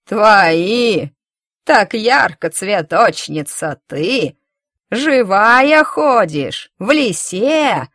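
Woman reader putting on a bitter toothless crone for a storybook, slow and loud, a touch low. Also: no room sound, studio quality. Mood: scolding. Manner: slow, loud, drawn-out scolding. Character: spiteful toothless old woman flower-seller, bitter.

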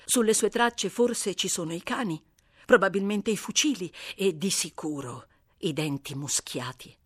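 A woman reading a novel aloud as an audiobook narrator, measured and expressive. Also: on the low side, husky, no room sound, studio quality. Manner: measured, expressive, dramatic slowing. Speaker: audiobook reader. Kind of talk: scripted literary narration.

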